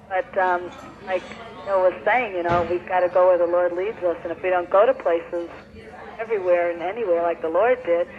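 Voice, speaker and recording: A man calling in to a radio talk show over a clipped phone line, talking earnestly and rambling with many fillers. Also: high voice. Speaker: radio call-in caller. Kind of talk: casual call-in chat.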